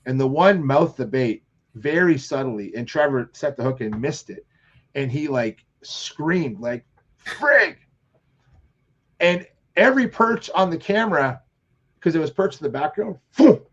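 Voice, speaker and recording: A man on a live fishing show, telling long rambling stories with animated quoted asides. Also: mid-range voice, husky, muffled recording. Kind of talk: casual chat on live show.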